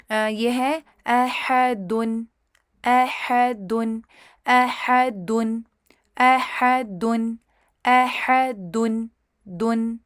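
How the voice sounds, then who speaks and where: A woman from Pakistan teaching Quran reading, sounding out syllables slowly and repeating each word, then patiently explaining step by step. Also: a little high, dry recording, studio quality. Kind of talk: online reading lesson.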